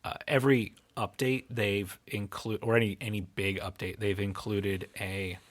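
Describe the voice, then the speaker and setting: A man with a fairly low voice co-hosts a casual music podcast. He rambles, breaks off and restarts his thoughts, and laughs easily as he talks. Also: flat delivery, moderate pace. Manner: rambling, self-interrupting, laughs often. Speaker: podcast co-host and guitar teacher. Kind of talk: casual chat about music. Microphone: studio mic, recorded in home studio software.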